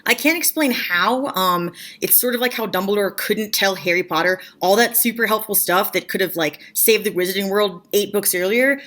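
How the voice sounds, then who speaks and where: A young woman vlogging comic advice in a bubbly, self-mocking way with quick asides. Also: medium pitch, fairly bright tone. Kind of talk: scripted comedic vlog advice.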